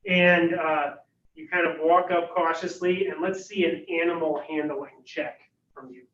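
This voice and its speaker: A man's voice: on the high side, steady tone, unhurried, fairly bright tone. A man narrating as game master of a tabletop game, hesitant and full of fillers. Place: room at a livestreamed faculty game. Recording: roomy, distant, dull recording.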